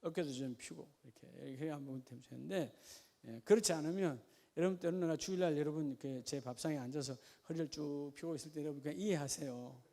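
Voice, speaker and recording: High-voiced Korean pastor preaching to a congregation. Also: male voice. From Gyeongsang region of Korea. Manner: folksy preaching with questions to the congregation, dropping to a quiet aside. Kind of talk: sermon.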